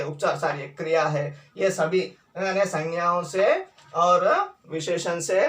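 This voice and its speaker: A man with a slightly high voice teaches a school grammar lesson at an unhurried pace. He repeats each word, poses questions and answers them himself, dropping English terms in. The recording is roomy and he sits a little back from the microphone. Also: distant mic. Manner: repeats words, mixes in English terms, asks and answers his own questions. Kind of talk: slow explanatory Hindi grammar lesson. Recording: roomy echo, voice off-mic.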